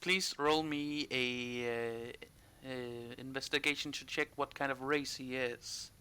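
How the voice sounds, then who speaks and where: A man's voice: medium pitch, steady tone, takes it slowly, bright, forceful tone, clear, resonant tone. A man narrating a tabletop role-playing game as game master in a casual, conversational style.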